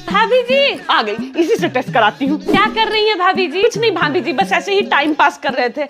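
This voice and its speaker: ऊँची, चहकती आवाज़ वाली महिला. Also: female voice, extremely high pitch, very animated, moderate pace, over music. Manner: switches between bickering neighbour voices, laughing often. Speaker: sketch comedian playing several characters. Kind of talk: comedy sketch role-play.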